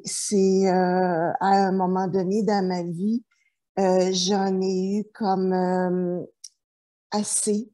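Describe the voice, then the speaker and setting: A mellow, mid-range female voice belongs to a middle-aged therapist from New Brunswick, Canada, who is the guest in an interview about her life. She sounds hesitant and keeps restarting, with plenty of fillers.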